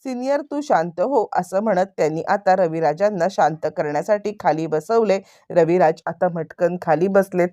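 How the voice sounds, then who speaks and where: A woman's voice: fairly low pitch, mellow, dry recording, muffled recording. A woman narrator giving a casual spoken recap of a TV serial episode, full of repetitive connecting fillers.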